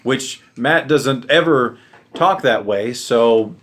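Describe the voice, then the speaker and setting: A man's voice: mid-range voice, slow, a bit bright, a little hiss or hum. A man co-hosting a casual podcast who asks questions and corrects his partner. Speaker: podcast co-host. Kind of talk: casual chat.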